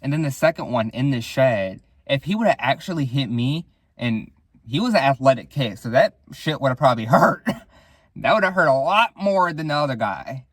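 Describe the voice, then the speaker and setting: A man's voice: medium pitch, lively intonation, moderate pace, dry recording, studio quality. A young man hosting a solo podcast, telling casual stories with frequent laughter, the odd swear and acted-out quoted voices. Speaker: podcast host.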